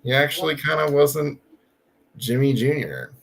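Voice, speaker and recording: A man's voice: on the high side, expressive, a little slow, a bit bright. A man co-hosting a casual fan podcast, chatty and full of filler words. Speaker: podcast co-host.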